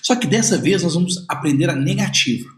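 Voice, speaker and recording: A man with a Brazilian accent, a native Portuguese speaker, teaching an online English lesson in a lively way and drilling phrases for the viewer to repeat. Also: fairly high pitch, a little fast.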